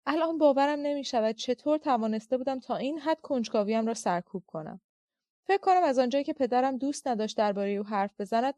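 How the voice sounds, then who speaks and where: A woman reading a literary novel aloud as an audiobook narrator, with a measured, reflective delivery. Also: fairly high pitch, warm tone, dry recording, clean studio sound.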